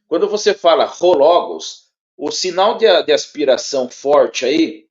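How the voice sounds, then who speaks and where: A man with a Brazilian Portuguese accent teaching a one-on-one lesson. He talks haltingly, repeats words and checks in often. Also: on the high side, lively intonation. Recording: dull lo-fi sound.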